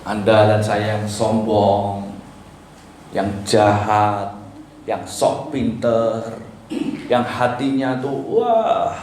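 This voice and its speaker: A man preaching a sermon, pleading and emphatic, swinging between loud and soft. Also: lowish voice, little pitch movement, extremely slow, long pauses. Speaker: pastor. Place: church hall. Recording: echoey church hall with faint noise.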